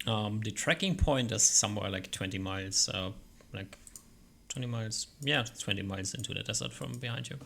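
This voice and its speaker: Low, creaky-voiced male game master. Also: bright, forceful tone, a little hiss or hum. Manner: hesitant, halting, thinking aloud. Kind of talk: casual improvised tabletop game narration.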